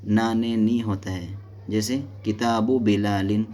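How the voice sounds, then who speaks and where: Male teacher, slow deliberate delivery, walks through grammar with questions and answers. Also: fairly low pitch, little pitch movement, dark tone. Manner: explains step by step, asks and answers his own questions; mixes Hindi-Urdu with English and Arabic terms. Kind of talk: classroom lesson explanation.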